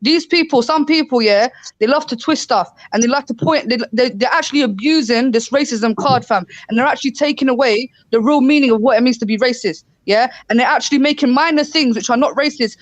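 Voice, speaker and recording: A woman's voice: sits high, a little fast, few pauses, no echo, highs cut off. A woman with a London street roadman accent, debating casually as a panellist, slangy and emphatic, repeating herself to make a point. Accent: London street slang (roadman) English. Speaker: panellist on online debate show.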